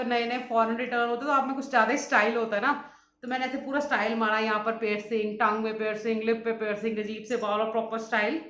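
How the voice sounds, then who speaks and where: A young woman talks quickly and casually as she shares home beauty tips, often breaking into laughter. Her voice sits a little high. The room around her is echoey and hollow. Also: fairly bright tone. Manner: fast-talking and laughs often. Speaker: beauty vlogger. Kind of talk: casual chatty vlog.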